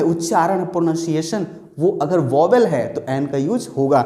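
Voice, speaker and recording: A man's voice: on the high side, darkish tone. Echoey male teacher explaining grammar. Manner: repetitive, asks and answers own questions. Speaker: English teacher.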